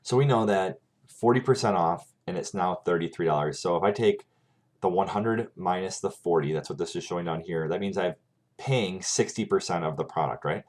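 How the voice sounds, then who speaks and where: A man's voice: sits low, moderate pace. A man teaching a math lesson over a screencast, talking through each calculation step by step and often checking in with "right?".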